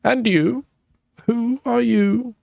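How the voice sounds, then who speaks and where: A man voicing a frail, ancient male ghost noble in a thin, high, quavering voice. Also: drawn-out words, creaky, a little mellow, no room sound, clean studio sound, exaggerated voice. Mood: solemn, quavering.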